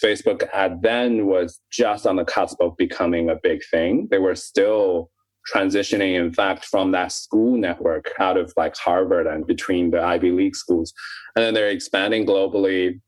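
Man from China, very low voice, dry close sound, candid podcast guest, laughs often. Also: steady tone, normal speed, no echo, low-quality recording. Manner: candid, laughs between thoughts, frequent restarts. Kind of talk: casual interview talk.

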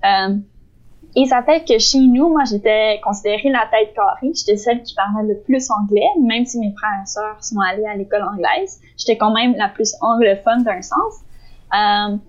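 A woman's voice: mid-range voice, normal speed. A woman with a Québécois accent, talking casually and reflectively as a podcast co-host, hesitating often and laughing easily. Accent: Québécois French. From Quebec. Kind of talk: casual conversation. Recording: slightly dull lo-fi sound.

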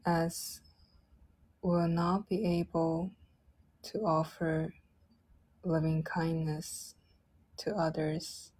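A woman leading a guided loving-kindness meditation in a soft, gentle, drawn-out way. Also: low voice, level tone, rough recording.

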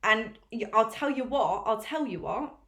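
A young woman co-hosting a podcast, chatting casually in an animated, self-mocking way and swearing freely. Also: on the high side, normal speed. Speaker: podcast co-host. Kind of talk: casual chat. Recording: roomy echo.

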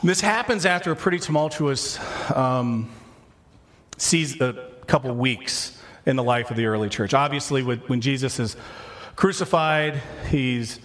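In a sermon delivered at a measured pace, a pastor speaks with a mid-range voice that is a bit bright. He keeps it conversational, discussing scripture casually and often backing up to rephrase.

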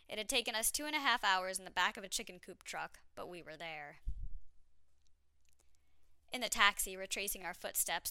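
A woman's voice: medium pitch, sharp tone, clean tone, no echo. A woman narrating her own travel story in a candid, wry, self-mocking way.

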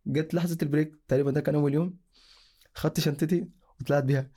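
A man's voice: fairly high pitch, steady tone, very fast, mellow. A young man from Sudan, casually telling his own story in a rambling way, often correcting himself mid-sentence. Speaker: guest sharing a personal story.

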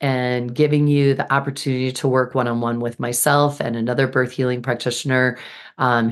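A middle-aged woman hosting a solo podcast, speaking earnestly and with enthusiasm, her voice slightly hoarse after an illness. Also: a bass voice. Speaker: podcast host and birth healing educator.

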